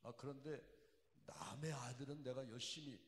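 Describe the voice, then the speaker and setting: A middle-aged pastor telling a personal testimony as a sermon, building from calm storytelling to loud, emotional peaks. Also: male voice, medium pitch, moderate pace. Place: church hall. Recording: echoey hall.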